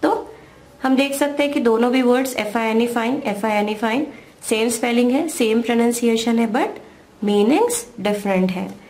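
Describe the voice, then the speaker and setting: A woman's voice: a little high, normal speed, a little mellow. An Indian woman teaching English grammar, patiently explaining and spelling out words letter by letter. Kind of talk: slow explanatory lesson in Hindi-English mix.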